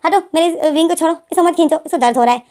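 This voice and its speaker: Woman doing a withdrawn young man in a storybook retelling, high and mellow, firm and distant; light acting. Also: quick pace, close to an everyday voice. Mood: cold, firm. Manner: firm, pushing away.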